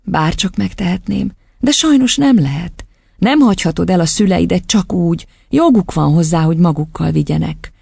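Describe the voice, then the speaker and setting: A woman voicing a kind young teacher who speaks softly and soothingly. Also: fairly low pitch, creaky, husky, no room sound, pitched above the performer's own voice, heavily acted. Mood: gentle. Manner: soft, soothing, calm.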